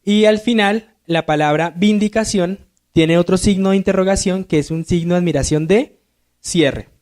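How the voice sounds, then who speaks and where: A man's voice: sits high, normal speed, darkish tone. A man, a deacon, teaching a Sunday school grammar lesson, asking the class questions and answering them himself. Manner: reads verses aloud with rising emphasis. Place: church classroom.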